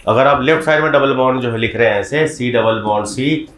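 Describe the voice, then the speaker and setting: A man's voice: mid-range voice, fairly quick, fairly bright tone. Man teaching a lesson, echoey room. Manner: explains step by step, often quizzing students. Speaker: chemistry teacher. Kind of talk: classroom lecture.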